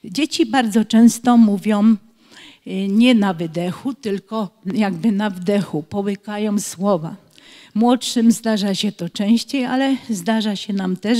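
A middle-aged woman who writes for early education explains speech games to preschool teachers in an online conference, now and then reading short children's rhymes slowly and rhythmically. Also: medium pitch, darkish tone. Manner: explanatory, reads children's rhymes aloud with slow rhythmic emphasis. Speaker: author and early-years educator. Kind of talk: webinar talk for preschool teachers. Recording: long hall reverb.

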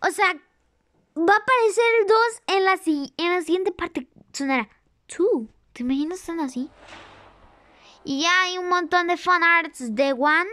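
A YouTuber talks in a put-on cartoonish voice that sits extremely high. The delivery is slow and drawn out. They react excitedly to a video, shouting the same lines again and chatting with viewers. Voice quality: a put-on cartoonish character voice, not the speaker's real one. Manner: exclaims and repeats lines while watching; chatty with the audience, laughs at own slips. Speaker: YouTuber reacting to an animated series.

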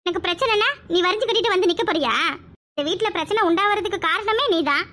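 A high-voiced performer plays a jealous, spiteful young woman, firing off curt, cutting jabs fast and in a sharp tone.

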